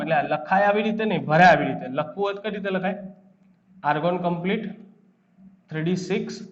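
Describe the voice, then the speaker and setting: A man with a Gujarati accent giving a chemistry lecture, quizzing his students and then answering his own questions. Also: high voice. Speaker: chemistry teacher. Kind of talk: classroom lecture. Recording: echoey room, dull lo-fi sound.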